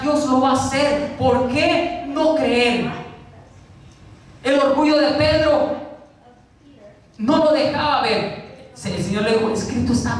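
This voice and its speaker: A man's voice: extremely high pitch, heavy reverb, recorded from a distance, poor audio. A man preaching a sermon as pastor, repeating key lines and acting out quotes. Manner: preaching with repetition and acted-out quotes. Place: church.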